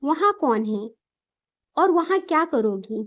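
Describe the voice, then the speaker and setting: A woman voicing a concerned young son in a spoken storybook, talking in a calm, reasoning way. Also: high voice, slow, lo-fi sound, heavily acted.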